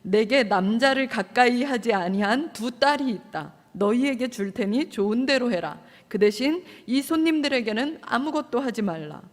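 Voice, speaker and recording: A woman's voice: on the high side, expressive, moderate pace, hardly any pauses, in a large hall, close to an everyday voice. A woman voicing an earnest pleading patriarch.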